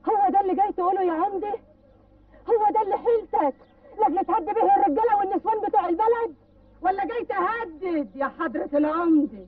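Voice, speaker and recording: A woman's voice: extremely high pitch, fast talker, a crowd in the background. An actress playing a grieving, defiant village woman with an Egyptian accent, in an old film. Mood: angry. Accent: Egyptian Arabic. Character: grieving, defiant village woman whose husband was taken. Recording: tinny, distant old film soundtrack.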